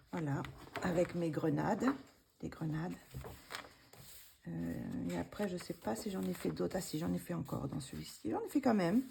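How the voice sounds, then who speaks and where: A woman casually showing her coloring books, hesitant with many fillers and restarts, gently self-deprecating. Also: fairly low pitch, creaky, noisy background. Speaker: coloring book vlogger.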